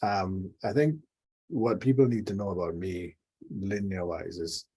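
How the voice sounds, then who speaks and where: A man's voice: low-pitched, measured pace, dark tone, breathy edge, low-quality recording. A middle-aged man from Trinidad and Tobago, a leadership coach telling reflective stories with dry humor in an interview. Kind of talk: conversational interview.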